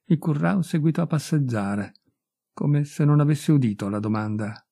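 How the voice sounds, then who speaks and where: A man reading a literary short story aloud in a measured, steady narration. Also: on the high side, creaky. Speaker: audiobook reader.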